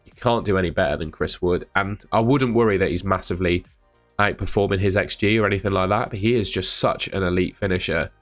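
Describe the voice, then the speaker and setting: The male host of a fantasy football channel chats casually to camera, thinking aloud and throwing in asides. His low voice is croaky from shouting.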